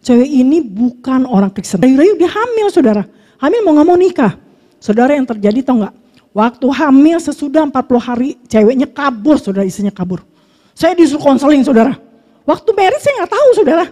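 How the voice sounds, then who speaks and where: A woman's voice: high-pitched, big pitch swings, brisk, mellow. A woman pastor giving a conversational sermon, reading scripture and telling everyday stories while often addressing her listeners directly. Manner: casual preaching, keeps addressing listeners as brothers and sisters.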